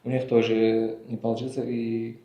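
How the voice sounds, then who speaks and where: A man's voice: mid-range voice, monotone, normal speed, lo-fi sound. A man speaking as a football player at a post-match press conference, giving short, plain, informal answers. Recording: roomy echo.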